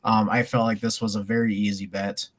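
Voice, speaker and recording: A man's voice: lowish voice, flat delivery, brisk. Rambling casual man talking bets. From American Midwest. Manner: rambling, frequent ums and restarts. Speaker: podcast co-host. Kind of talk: casual sports betting chat.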